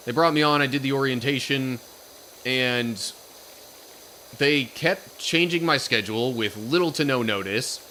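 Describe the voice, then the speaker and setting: A man's voice: mid-range voice, sharp tone, slight background noise. A young man from Pennsylvania, chatting casually on a live stream, telling a rambling story and reading chat comments aloud.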